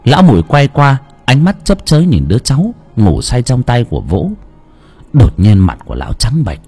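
Mellow, husky male storyteller. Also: mid-range voice. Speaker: audiobook narrator. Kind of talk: storytelling narration.

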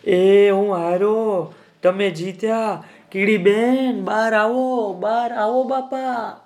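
A man's voice: high-pitched, steady tone, voice pushed up. Man doing a big simple-hearted elephant. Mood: giving up. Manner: loud, drawn-out boasting calls. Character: big slow good-natured male elephant.

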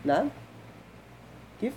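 Speaking slowly against background noise, a middle-aged man with a Moroccan Arabic accent runs a grammar lesson, firing questions at his students and shifting into colloquial language.

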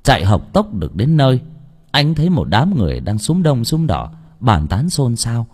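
Husky, animated male storyteller. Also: medium pitch, moderate pace. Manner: dramatic, emotive storytelling. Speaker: audiobook narrator. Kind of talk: scripted story narration.

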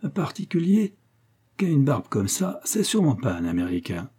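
A man's voice: medium pitch, very animated, moderate pace, mellow, husky, pitched above the performer's own voice. A man voicing a cheeky young working-class Parisian, talking in slangy, cocky bursts.

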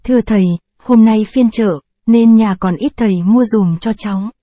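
A woman's voice: on the high side, normal speed, mellow, no room sound, lightly acted. A woman reading the lines of a young village woman selling food in a storybook tale, polite and deferential. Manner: deferential, then alarmed.

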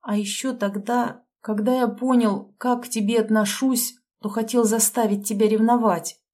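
A woman's voice: fairly high pitch, fairly even intonation, moderate pace, lightly acted. A woman reading a guilty young husband. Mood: apologetic. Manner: quiet, apologetic.

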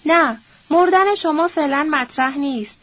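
A woman voicing a quiet, reserved young man who speaks in a calm, restrained way. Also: high voice, muffled recording, close to an everyday voice.

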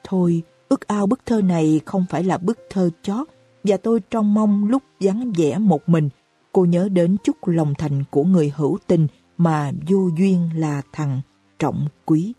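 A woman reading out a lovesick young man's letter in an audiobook, slow and mournful. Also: on the low side, warm tone, breathy edge, no echo, soft background music. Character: lovesick young man pouring out a farewell letter.

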